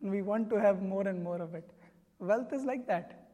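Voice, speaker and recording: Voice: medium pitch, moderate pace, warm tone. A spiritual teacher giving an earnest, explanatory sermon. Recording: long reverb.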